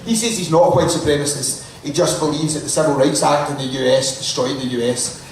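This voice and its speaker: A man's voice: fairly high pitch, fairly even intonation, fairly quick. A man talking informally as a panelist at a live show, emphatic and opinionated. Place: live stage in a club venue. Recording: very echoey venue, distant mic, faint noise.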